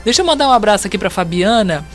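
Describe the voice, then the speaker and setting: A woman's voice: medium pitch, animated, very fast, faint music behind. A woman hosting a live radio interview in a chatty, informal way, her voice sounding unwell and off. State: under the weather, voice off and monster-like as self-described. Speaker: radio host.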